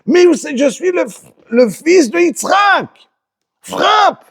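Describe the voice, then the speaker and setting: Guy doing a high screechy hurt man yelling, voice jumping all over, a bit husky. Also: sing-song, slow, exaggerated voice. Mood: pained shouting. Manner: shrill, yelling in pain. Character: adult man crying out shrilly while being beaten. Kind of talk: acted quote inside a Torah lesson.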